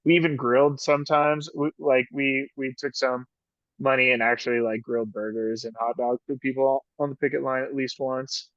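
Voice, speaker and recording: A man's voice: medium pitch, fairly even intonation, moderate pace, a bit bright, dry recording. A man and ski patroller in a casual interview, rambling with many fillers and frequent laughs. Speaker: ski patroller and union officer. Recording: dull dry lo-fi call audio.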